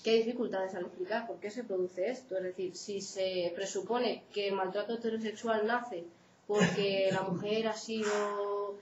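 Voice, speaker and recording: A woman's voice: mid-range voice, fairly even intonation, moderate pace, background noise. A woman psychologist from Spain giving an informal lecture in a conversational way, checking in with her audience. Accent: Spain Spanish. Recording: roomy, dull lecture recording.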